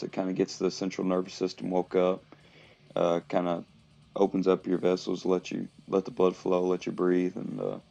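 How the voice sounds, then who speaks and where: A man vlogging at the gym, explaining his training between sets in a plain, halting way with lots of fillers. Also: deep voice, gravelly, warm tone, highs cut off. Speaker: fitness vlogger. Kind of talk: casual talk to camera between lifting sets.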